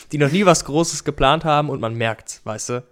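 A man's voice: a little high, moderate pace, a bit bright, clean tone. A young man in casual podcast chat, rambling and tagging lines with "weißt du". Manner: rambling, keeps adding "weißt du".

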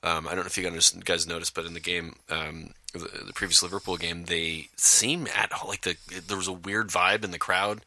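A man's voice: sits low, flat delivery, brisk, few pauses, bright, forceful tone, dry recording. A man hosting a casual sports podcast, talking with lots of fillers and restarts while steering the discussion. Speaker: podcast host.

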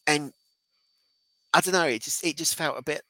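A man co-hosting an opinionated wrestling discussion, feeling rough and unwell, pressing his points insistently by repeating phrases. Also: fairly high pitch, normal speed, pushed and bright, no echo, rough recording. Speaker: podcast co-host.

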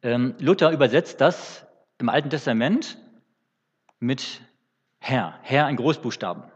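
Man, preacher, husky voice, unscripted teaching sermon, frequent fillers, dull muffled recording. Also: mid-range voice, animated. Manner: unscripted, halting with fillers and restarts. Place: church hall. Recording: dull sound with long church reverb.

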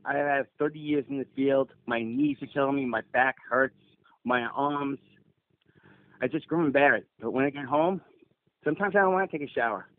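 A man's voice: mid-range voice, moderate pace, dry recording. Easygoing fifties man on a tinny line. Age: 50s. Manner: easygoing, rambling storyteller. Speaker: podcast guest, HVAC technician. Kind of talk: casual podcast chat.

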